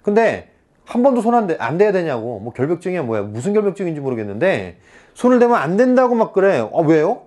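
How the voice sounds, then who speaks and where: A man tutoring students for an exam, lecturing in a chatty, animated way, often checking in with "right?" and acting out little scenes. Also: fairly high pitch, quick pace. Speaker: Korean-language exam tutor.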